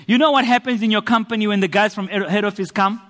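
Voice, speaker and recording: In a church hall with long reverb, a South African man speaks fast in a high, fairly bright voice. He preaches and gives his testimony earnestly, using rhetoric and repetition to build emphasis.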